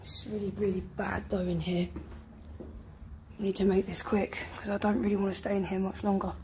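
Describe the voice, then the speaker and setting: A woman talking quietly and nervously while exploring a dark abandoned warehouse, recorded on a handheld camera. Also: mid-range voice, level tone, fairly quick. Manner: quiet, hushed and jumpy, often whispering. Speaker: urban explorer. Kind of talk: hushed casual commentary while exploring. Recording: noisy handheld camera audio.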